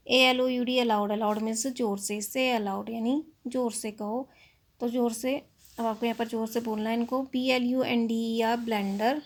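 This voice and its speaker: A woman with an Indian accent teaches a children's English lesson, spelling each word out letter by letter and then giving its meaning in Hindi. Her voice sits a little high. She speaks very slowly and deliberately. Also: darkish tone.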